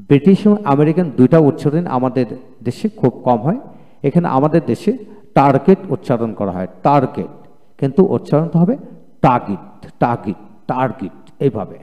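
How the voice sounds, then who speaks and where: A man teaching English pronunciation in a video lecture, saying each word twice and explaining it calmly. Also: mid-range voice, in a large hall, lo-fi sound. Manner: drills each word by repeating it, calm explanatory tone.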